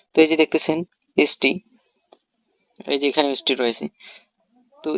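This English teacher, a man whose voice is on the high side, explains pronunciation rules step by step, asking and answering his own questions. The sound is dry and lo-fi.

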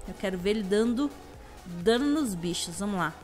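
A young Brazilian woman hosts a gameplay video, casually chatting through her own playthrough in Brazilian Portuguese-accented speech. Her slightly hoarse voice moves at a normal pace, excitable and punctuated by sudden high shrieks. Faint music plays behind her.

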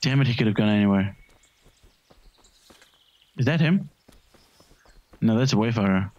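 A man's voice: lowish voice, expressive, moderate pace, a little mellow, muffled recording. A man hosting a let's-play, giving casual, crude running commentary full of swearing and jokes. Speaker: gaming channel host.

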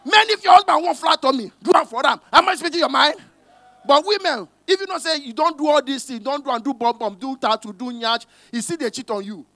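A man with a Nigerian accent doing stand-up comedy in Pidgin and English on a cinema stage. He talks loud and punchy, shouts his punchlines and slips into the voices of the people in his stories. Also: extremely high pitch, fairly quick, no echo. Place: cinema hall stage with a live audience. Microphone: handheld mic. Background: audience laughter.

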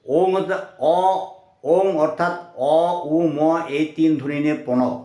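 A man teaching mantras, chanting them slowly and then explaining their meaning word by word. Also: on the high side, warm tone, echoey room. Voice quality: slow drawn-out chanting alternating with quick explanation.

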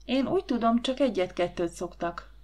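A sensible teenage girl, as a woman narrator voices her in a storybook reading. She talks in a low, hushed, matter-of-fact way. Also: lively intonation, lightly acted.

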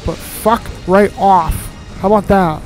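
A man's voice: high-pitched, fairly even intonation, a little slow, soft background music, rough recording. A man giving casual, grumbling let's-play commentary while he plays, with sarcastic asides and casual swearing.

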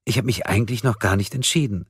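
A man voicing a deranged, gleeful woman kidnapper in an audiobook, with shrill giggling and sing-song menace. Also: fast, slightly rough, no echo, clean studio sound. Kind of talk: audiobook character voice.

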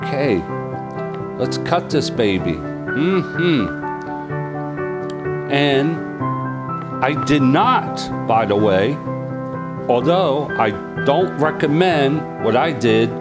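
A man reviewing a kitchen oven in a home kitchen, chatting excitedly with viewers. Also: medium pitch, drawn-out words, long pauses, over loud music. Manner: exuberant, chatty, calls viewers "my friends" and "baby". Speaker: cooking appliance reviewer. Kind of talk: casual cooking review.

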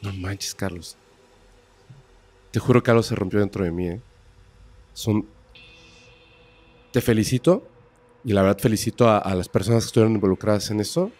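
A man's voice: fairly low pitch, moderate pace, pauses often, darkish tone. Mexican man as host, shocked short remarks. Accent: Mexican Spanish. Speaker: podcast host. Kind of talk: casual chat.

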